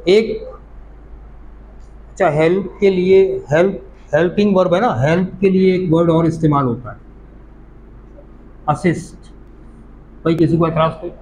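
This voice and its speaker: A male grammar teacher lectures in a classroom in with a lilt, and his voice sits high. He explains patiently and keeps questioning his students. Faint classroom noise sits behind him. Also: measured pace, pauses often, a little mellow, rough recording.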